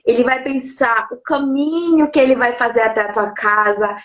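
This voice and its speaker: In a live interview from home, a lawyer who also interprets sign language explains things patiently and often checks in with brief tag questions. Her voice is a little high and a bit bright, with fairly even intonation and a normal speed. The audio sounds dull.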